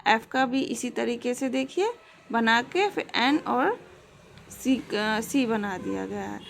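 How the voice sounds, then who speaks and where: Slow gravelly-voiced woman teaching shorthand. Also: a little high, expressive, slight background noise. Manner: slow, reads English textbook lines word by word, then explains them in Hindi. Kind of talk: explaining a shorthand lesson.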